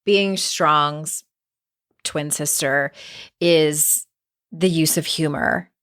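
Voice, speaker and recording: A middle-aged woman hosting a casual solo podcast, candid and conversational, with some vocal fry in her voice. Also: deep voice, steady tone, drawn-out words, fairly bright tone. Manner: candid, conversational, with mild swearing. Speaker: podcast host and self-help author.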